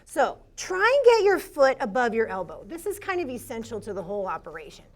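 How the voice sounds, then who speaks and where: A woman's voice: on the high side, very animated, brisk. A woman teaching a live yoga class, upbeat and encouraging, calling out students by name as she cues the poses.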